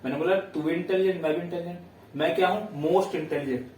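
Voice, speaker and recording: A male teacher giving a grammar lesson, explaining step by step, checking in with his students and dictating example sentences slowly word by word. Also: fairly high pitch, a little mellow, slight background noise. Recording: echoey room, voice heard from a distance.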